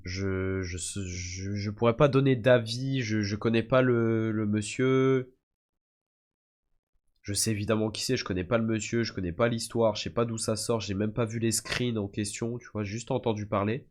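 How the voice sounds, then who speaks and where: With a lowish, darkish voice, fairly even intonation, and a moderate pace, this young French man tells casual stories on his live stream. He addresses viewers as "les gars" and "frère" and is often sick.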